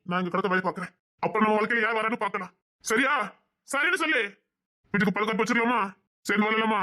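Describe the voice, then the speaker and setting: A woman's voice: medium pitch, a bit bright, natural voice. A woman acting an obsessive young man who begs and threatens his beloved, in a web drama. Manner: pleading and possessive, fast.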